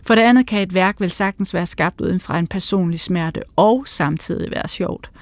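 A sharp-tongued, irritable woman in her forties, voiced by a woman reading aloud. She talks in heated bursts and mocks the person she is arguing with. The sound is dry and close. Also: lowish voice, no room sound, lightly acted. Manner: heated, mocking, speaks in bursts.

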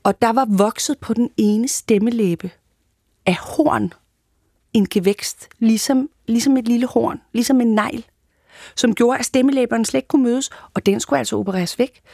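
A woman's voice: on the high side, gravelly, dark tone, dry recording. A woman actress talking reflectively in a casual studio conversation, hesitant with many fillers. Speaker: actress and guest.

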